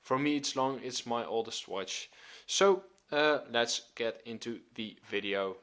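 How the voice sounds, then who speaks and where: A man of twenty hosting his own channel, giving a relaxed, filler-filled watch review. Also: mid-range voice, measured pace. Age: 20s. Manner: relaxed, hesitant with many fillers. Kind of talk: casual video review.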